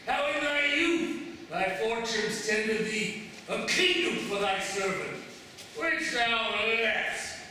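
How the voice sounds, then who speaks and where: A man's voice: very high-pitched, pushed and bright, heavily acted. An actor playing a pompous, scheming courtier father in classical verse drama, with a theatrical, declamatory delivery. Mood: indignant scolding. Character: pompous scheming father, a fawning courtier pressing his daughter. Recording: echoey hall, distant mic, faint noise.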